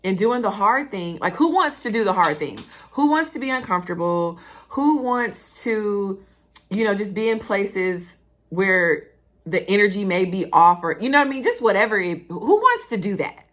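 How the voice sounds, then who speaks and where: Excitable woman hosting a chatty podcast. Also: medium pitch. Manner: excitable, fast-talking and animated; chatty, addresses listeners directly. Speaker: podcast host. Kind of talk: casual solo podcast talk.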